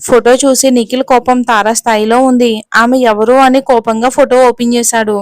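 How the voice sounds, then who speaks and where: A woman narrating a romance serial in a steady reading voice. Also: on the high side, normal speed, no echo. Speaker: storyteller. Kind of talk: scripted narration.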